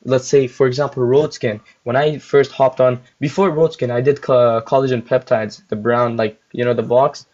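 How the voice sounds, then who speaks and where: A man's voice: medium pitch, fairly even intonation, normal speed, few pauses, darkish tone. Young man rambling over muffled audio. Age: young adult. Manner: rambling, heavy use of filler words. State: chewing gum. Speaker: guest store owner. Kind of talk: casual livestream chat.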